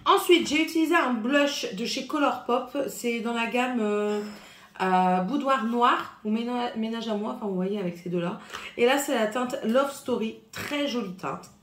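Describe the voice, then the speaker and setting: A French woman chatting casually through her monthly makeup review, hesitating often and showing each product, with a slightly rough, husky voice today. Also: medium pitch. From France. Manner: chatty, hesitant, many fillers, shows products. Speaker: beauty vlogger. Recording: echoey room.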